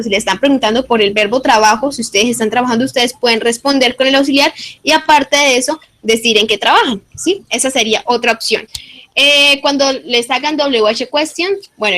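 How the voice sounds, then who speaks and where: A woman's voice: a little high, a bit bright. A woman teaching an English class, explaining grammar patiently step by step and giving spoken English examples. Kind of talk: online class instruction.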